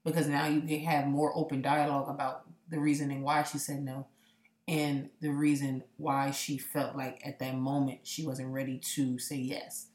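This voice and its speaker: Low-voiced woman in her late twenties. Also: level tone, moderate pace, darkish tone, reverberant. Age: late 20s. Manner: candid, reflective, jokey. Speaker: podcast co-host. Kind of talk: casual chat.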